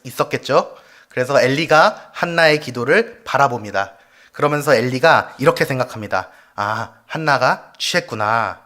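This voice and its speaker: A man's voice: medium pitch, pushed and bright. A male evangelist preaching a weekday church sermon, leading the congregation through scripture and asking them questions. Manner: leads the congregation in reading scripture aloud; asks the congregation rhetorical questions. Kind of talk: Wednesday service sermon. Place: church sanctuary.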